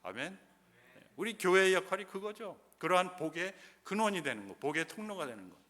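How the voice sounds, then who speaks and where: A man's voice: high-pitched, lively intonation, a little fast, pushed and bright. A man preaching a sermon as pastor, emphatic and often putting questions to the congregation. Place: church sanctuary. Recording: long church reverb.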